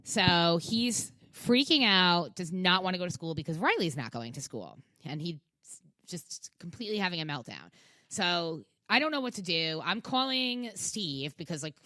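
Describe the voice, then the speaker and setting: A woman's voice: lowish voice, normal speed, no room sound. A young adult woman, a podcast guest, telling a rambling story in casual chat, full of fillers and swearing. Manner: animated, profane, rambling with many fillers.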